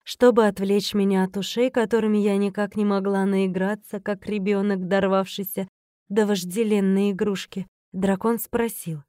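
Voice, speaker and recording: A woman's voice: medium pitch, level tone, moderate pace, mellow, dry recording, studio quality. A woman narrating a novel in the first person with a playful, teasing delivery. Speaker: audiobook narrator.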